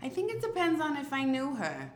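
A woman's voice: sits high, huge pitch swings, a little fast, roomy sound. A woman appearing as a guest on a comedy talk show, giving thoughtful, hesitant answers. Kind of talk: improvised comedy chat.

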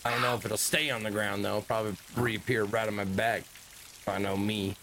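A man's voice: on the low side, level tone, fairly quick, vocal fry, bright, forceful tone, a little hiss or hum. A man playing a tabletop game, joking and complaining in casual banter, swearing freely. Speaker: tabletop player.

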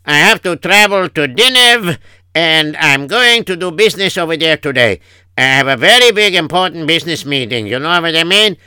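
A man's voice: a little high, animated, moderate pace, bright, forceful tone, clear, resonant tone, no room sound. A man playing a fretful Yiddish-accented husband. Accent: Yiddish-inflected English. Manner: kvetching, sighing oy vey. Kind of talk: improvised comic radio story.

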